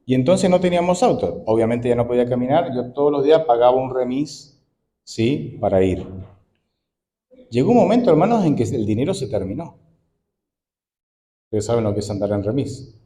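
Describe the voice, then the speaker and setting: A man's voice: mid-range voice, lively intonation, normal speed, pauses often, mellow. A man in his forties, an Argentine pastor, preaching a conversational sermon full of rhetorical questions. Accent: Argentine Spanish.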